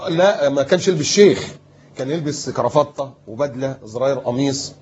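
This preacher, in his fifties with an Egyptian accent, speaks fairly quickly at a medium pitch while telling his story as an interview guest. A lively storyteller, he acts out remembered conversations. Slight background noise sits under a muffled recording.

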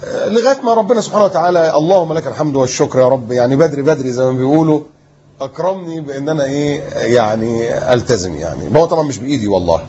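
A man's voice: medium pitch, racing, lo-fi sound, slight background noise. A man in his fifties with an Egyptian accent, a preacher telling his story in an interview and acting out what people said to him. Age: 50s. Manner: lively storyteller who acts out remembered talk. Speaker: preacher and guest.

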